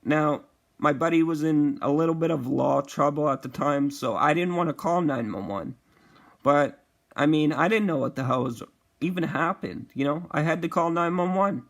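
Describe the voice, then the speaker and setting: A young man with a slightly higher voice tells a wild personal story straight to the camera. His delivery is loose and profane, and he acts out the other people's lines as he goes. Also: normal speed. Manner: profane, animated retelling with acted quotes. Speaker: vlogger. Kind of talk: casual storytime monologue.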